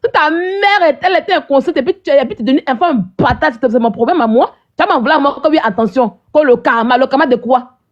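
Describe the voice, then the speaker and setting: A woman's voice: sits high, quick pace, lo-fi sound. A woman hosting a live stream, ranting at her viewers in a combative, mocking way and often asking "hein?".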